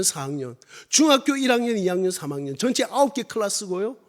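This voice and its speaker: A missionary preacher with a Busan accent and a strikingly high voice for a man. He drives his sermon with emphatic rhetorical questions and calls out hallelujahs as he builds. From Korea.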